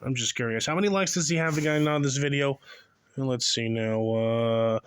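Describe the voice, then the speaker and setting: Smooth and medium-pitched at a moderate pace, a man in his twenties hosts a reaction video. He mocks the person in the clip, his commentary sarcastic and exasperated.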